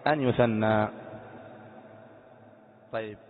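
A man, a sheikh, giving a classroom grammar lesson and quizzing his students with quick questions. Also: lowish voice, fairly even intonation. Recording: tinny lo-fi sound in echoey hall.

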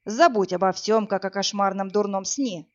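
Woman doing a calm protective man, reassuring, steady, mid-pitched, dull lo-fi recording. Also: moderate pace, close to an everyday voice. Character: calm protective man, tough bodyguard type.

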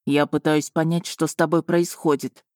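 A woman's voice: sits low, level tone, normal speed, darkish tone, no echo, clean studio sound, close to an everyday voice. A woman reading as a stern, curt duke. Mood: insistent. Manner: curt, clipped orders. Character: stern commanding duke, grown man, curt and mocking.

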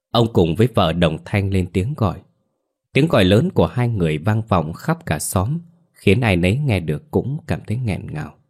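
A man narrating a dramatic story in a steady, measured reading. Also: low-pitched. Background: faint music.

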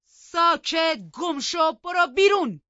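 A woman voicing a furious, brutal middle-aged master of the house who shouts threats, in a dull lo-fi recording. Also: very high-pitched, expressive, no echo, pitched above the performer's own voice, heavily acted. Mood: raging.

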